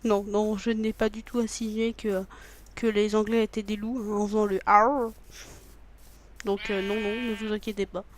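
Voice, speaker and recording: High-voiced guy rambling over gameplay. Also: flat delivery, normal speed. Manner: rambling, joking, punning, talks to himself and viewers; swears casually, bursts into loud exclamations. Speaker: gaming video maker. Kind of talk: let's play commentary.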